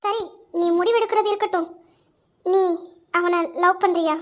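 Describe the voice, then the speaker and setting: A woman's voice: extremely high pitch, fairly even intonation, normal speed. A woman voicing Inba, a blunt and protective young friend who scolds insistently in an amateur audio drama. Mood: probing.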